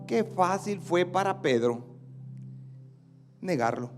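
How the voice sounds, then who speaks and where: A man pastor preaching a sermon dramatically, swinging between loud outbursts and hushed lines. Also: sits high, expressive, slow pace, faint music behind.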